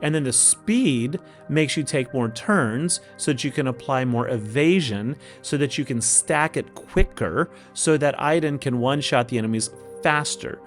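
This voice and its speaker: Here an Oklahoma man, the host of a gaming video, muses to himself in folksy fashion while offering laid-back strategy commentary. His voice sits at medium pitch and moves a little slowly with few pauses, over background music.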